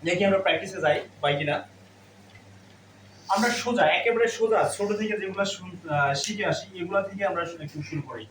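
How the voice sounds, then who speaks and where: A man with a high-pitched, fairly bright voice talks fast while teaching a grammar lesson step by step, posing questions and answering them himself. The classroom recording sounds roomy, with a distant mic and faint background noise.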